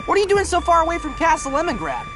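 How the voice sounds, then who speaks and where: A man voicing an earnest, excitable young boy hero in a cartoon. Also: extremely high pitch, very fast, noisy background. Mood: eager. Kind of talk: cartoon voice acting.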